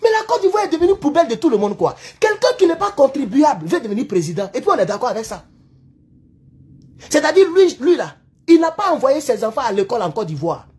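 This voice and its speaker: A man's voice: very high-pitched, sing-song, quick pace, a little mellow, slightly rough. A man from the Ivory Coast with an Ivorian French accent, delivering a heated political rant as a YouTube commentator in an impassioned, accusatory way, repeating himself for emphasis.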